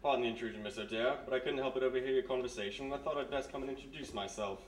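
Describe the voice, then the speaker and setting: On a live stage in an echoey room, a man voices a courteous but menacing British military police major for a radio mystery, sounding distant against faint noise. His mid-range voice, close to an everyday one, moves very fast in a formal, clipped, smugly insinuating way.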